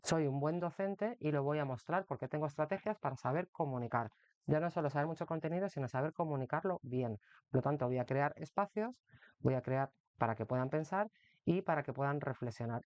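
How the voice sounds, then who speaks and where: Male instructor, slightly high voice, explanatory lesson, muffled close recording. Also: brisk, a little mellow, no room sound. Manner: explanatory, uses rhetorical ¿no? often. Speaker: course instructor for teacher exam candidates. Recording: dry, dull lo-fi recording.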